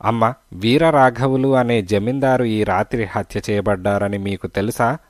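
Brief: a patient, kindly storybook detective, read by a male narrator, low and dry. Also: normal speed, dry recording, close to an everyday voice. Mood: gently probing. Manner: gentle, patient questioning. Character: calm, kindly male detective questioning a witness.

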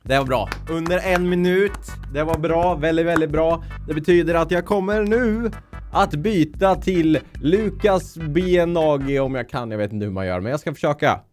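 A man's voice: on the high side, a little mellow, soft background music. Young man swearing through casual reaction chat. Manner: swears casually, mixes English phrases. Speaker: YouTuber reacting to videos.

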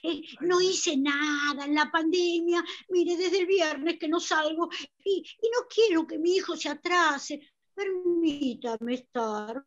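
A woman with a very high voice speaks slowly on a muffled recording, playing a chatty elderly mother in an amateur theatre piece done over video call. She rambles and pleads in a Rioplatense Spanish accent, peppered with hesitant fillers.

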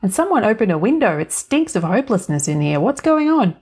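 A woman's voice: medium pitch, very animated, brisk, husky, pitched above the performer's own voice. A woman voicing a bubbly, cheerful young woman with a breezy, playful way of talking. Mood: perky. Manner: bright, playful, chirpy.

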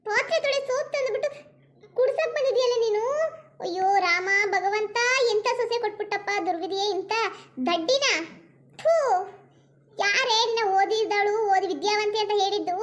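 A woman with a Kannada accent voicing a nagging older mother-in-law in a cartoon, wailing and scolding. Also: normal speed. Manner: nagging, wailing, high and loud. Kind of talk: cartoon voice acting.

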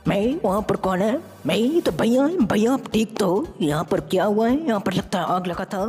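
A woman's voice: mid-range voice, animated, moderate pace, warm tone, close to an everyday voice. A woman voicing an earnest young male hero in a fan-made game story, talking to himself as he goes. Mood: eager. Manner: eager, earnest, talks to himself while acting. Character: brave young male hero who turns into aliens. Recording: reverberant with faint music.

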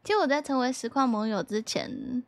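A young woman streams from home and chats loosely with her viewers, reading their messages aloud. Her voice sits a little high and she giggles through her lines, playful and teasing. The sound is dry and close on a desk mic with no room echo. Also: brisk. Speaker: livestreamer. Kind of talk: casual chat with viewers.

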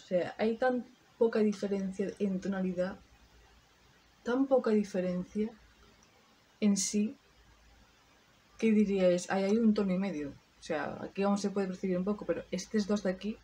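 A woman's voice: mid-range voice, dark tone, slightly rough. A woman talking viewers through a makeup tutorial in a chatty way, thinking aloud as she works. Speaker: beauty vlogger. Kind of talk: casual makeup tutorial chat.

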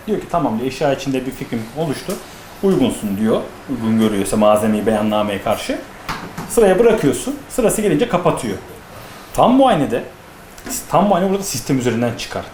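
A man's voice: mid-range voice, a little mellow. A man explaining customs procedures in casual talk, telling stories with acted-out dialogue. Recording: echoey room with faint noise.

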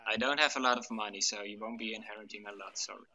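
Guy explaining game tactics to his squad, halting, really sharp voice, slightly lo-fi chat. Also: fairly low pitch, fairly even intonation. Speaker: team leader in military game. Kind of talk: casual tactical briefing. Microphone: gaming voice chat. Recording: dull online voice chat.

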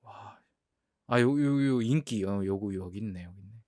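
A man playing a playful, defensive young boyfriend in a role-play ASMR audio drama, talking haltingly and repeating his words as he protests. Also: on the low side, a little mellow, no echo, clean studio sound, lightly acted. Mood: curious, hesitant.

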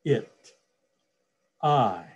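A man giving a slow, deliberate motivational talk on public speaking, pausing often and repeating key phrases. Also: mid-range voice, lively intonation, slightly rough, dull audio. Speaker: speaking coach.

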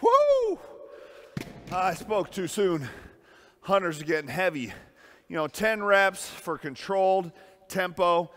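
In a gym that sounds like a large hall, a male personal trainer coaches a workout while lifting, upbeat and out of breath between sets. His voice is high-pitched and fairly bright, and he speaks a little slowly.

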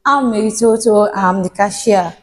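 A young woman working as a cashier answers interview questions in a shy, halting way. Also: medium pitch.

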